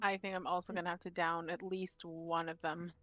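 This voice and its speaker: A woman speaks in a lively, emphatic way in a tabletop game. Her voice is bright. The recording is dry and dull. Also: on the low side, fairly quick, no room sound. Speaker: player. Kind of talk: tabletop role-play chat. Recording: dull lo-fi mic.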